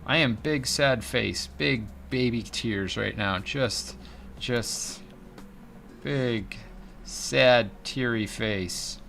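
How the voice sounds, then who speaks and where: A man's voice: mid-range voice, drawn-out words, gravelly, a bit bright, a little hiss or hum. A man hosting a casual livestream, chatty and joking, reading chat aloud. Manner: chatty, joking, drops into silly voices. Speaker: livestream host.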